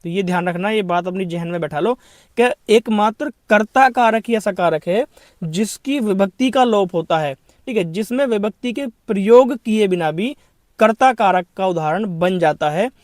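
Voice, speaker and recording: A man with a high voice teaches an exam-prep grammar lesson. He poses questions and answers them himself, repeating each point. The recording is dry and close. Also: normal speed, darkish tone, no room sound. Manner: explains then repeats each point, asks and answers his own questions; addresses students as brother.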